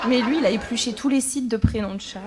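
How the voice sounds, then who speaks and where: A woman's voice: on the high side, fast talker, a loud crowd. A woman in the audience answering casually and telling a small personal anecdote. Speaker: audience member answering comedian. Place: audience of a live comedy show. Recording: noisy live show with loud audience.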